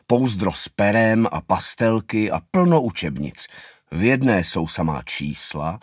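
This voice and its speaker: Expressive male storybook reader. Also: lowish voice, no echo, studio quality. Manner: expressive, playful. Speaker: audiobook reader. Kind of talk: scripted storybook narration.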